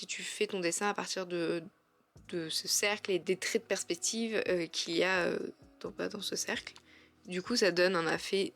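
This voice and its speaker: An art vlogger with a medium-pitched voice talks casually through her drawings. She's chatty but halting, full of fillers and restarts, and openly self-critical about her work.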